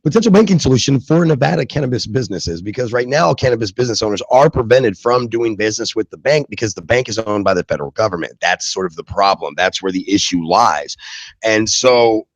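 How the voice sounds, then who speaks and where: A man hosting a live web radio show cracks self-mocking jokes in a lowish voice, with loose fillers and restarts between news bits. The sound is dry and close, with no room around him. He grew up in the southwestern US and in Germany. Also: expressive, brisk, no room sound.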